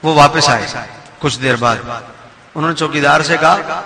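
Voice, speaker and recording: Preacher with a high voice in echoing hall. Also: male voice. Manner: animated, explanatory, asks the audience. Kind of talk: sermon with storytelling. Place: mosque hall. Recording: long hall reverb, crowd audible. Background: crowd.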